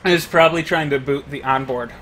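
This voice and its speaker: A man's voice: fairly high pitch, brisk, noisy background. A man co-hosting a podcast, teasing his friends and laughing often in a casual group call. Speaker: podcast co-host. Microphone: computer mic on a group call.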